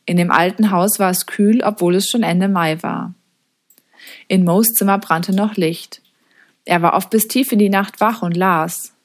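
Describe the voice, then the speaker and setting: A woman narrating an audiobook in a measured, expressive way. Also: mid-range voice. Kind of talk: scripted storybook narration.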